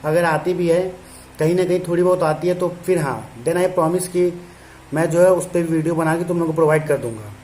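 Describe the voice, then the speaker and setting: A man's voice: a little high, fairly even intonation, brisk, darkish tone, poor audio. A male teacher chatting with his students in an online class, talking casually and teasing them fondly.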